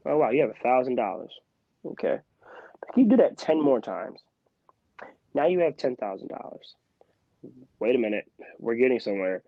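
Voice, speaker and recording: Animated young man from Philadelphia, slightly muffled. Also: mid-range voice, moderate pace, gravelly, pauses often, no room sound. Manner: animated, emphatic storytelling. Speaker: guest. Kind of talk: casual interview talk. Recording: slightly dull, muffled sound.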